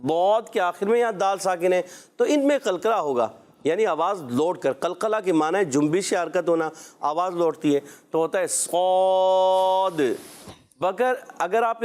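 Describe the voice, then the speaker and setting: Patient male Quran teacher, clear voice. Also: sits high, a little mellow. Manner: patient, encouraging, drawn-out letter sounds. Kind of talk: children's Quran pronunciation lesson.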